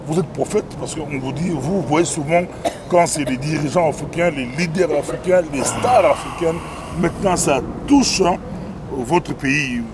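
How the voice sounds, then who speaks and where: A man hosts an interview as a pastor, speaking hesitantly and often restarting his phrases. His voice is somewhat high. Clear traffic and street noise run behind him. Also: a little slow. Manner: hesitant, many fillers and restarts. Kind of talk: casual interview hosting.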